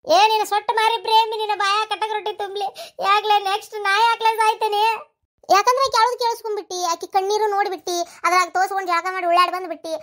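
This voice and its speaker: Cartoon role: nosy North Karnataka village woman, very high and squeaky, as a performer puts her on. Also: fairly even intonation, sharp tone. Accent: North Karnataka Kannada. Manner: nosy, pestering, quick to tease. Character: chatty village woman back from the city. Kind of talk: cartoon comedy voice acting.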